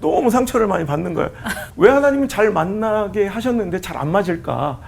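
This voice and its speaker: A middle-aged man from the Chungcheong region, a pastor telling lively, laughing stories and acting out quoted lines on a church talk show. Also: high voice, brisk, creaky, a crowd in the background. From Chungcheong region, South Korea. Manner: animated, laughing storytelling that acts out quoted lines.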